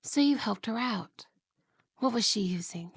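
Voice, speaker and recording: Playing a possessive, jealous young wife for an ASMR roleplay, a woman uses a full character voice at a fairly high pitch, animated but soft, slow and whispery, with giggles. Her purred, very slow words carry a gravelly, creaky edge, and she sounds sweet but quietly threatening, close to a dry, dead mic with no room sound.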